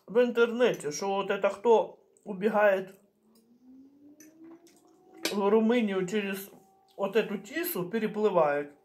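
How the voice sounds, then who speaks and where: A middle-aged woman chatting casually in short phrases with pauses as she eats, chewing while she talks, recorded in a home kitchen. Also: medium pitch, darkish tone, a little hiss or hum. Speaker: mukbang vlogger. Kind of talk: casual chat while eating. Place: small home kitchen, indoors. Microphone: camera on the table at arm's length.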